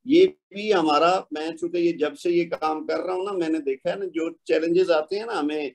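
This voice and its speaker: A man whose first language is Urdu explains recitation rules to a student in a tutoring session. His voice sits a little high for a man, and his manner is patient and corrective, repeating each point. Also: vocal fry. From Pakistan or India. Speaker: Quran recitation teacher. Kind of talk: online tutoring lesson.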